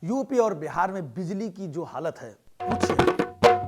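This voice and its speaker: A man telling jokes on stage in a lively, animated way. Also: sits high, unhurried, loud music behind the voice. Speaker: stand-up comedian. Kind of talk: stand-up joke telling.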